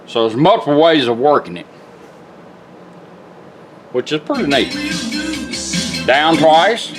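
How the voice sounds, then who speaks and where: A radio restorer with a fairly high voice speaks slowly with big pitch swings during a casual, hands-on product demonstration. His instruction is folksy and plain, and the rough recording carries radio music in the background.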